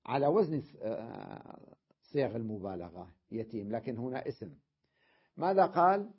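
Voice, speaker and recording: Husky and very animated, a medium-pitched male voice talks at a normal speed. The dull, lo-fi recording catches him giving an Arabic grammar lesson, patiently walking through points and frequently asking whether his class understands.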